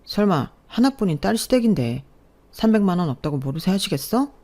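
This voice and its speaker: A woman's voice: lowish voice, very animated, a little fast, mellow, voice pushed up. A woman voicing a defensive young husband who pleads and justifies himself in a story narration. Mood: self-justifying. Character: defensive young husband siding with his mother.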